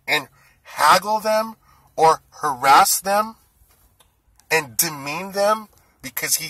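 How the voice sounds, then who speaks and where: A food delivery driver in his forties rants indignantly to the camera, his heat rising and a tense edge in his voice. His voice is fairly high, bright and forceful. The low-quality recording sounds dry and close, with no room sound.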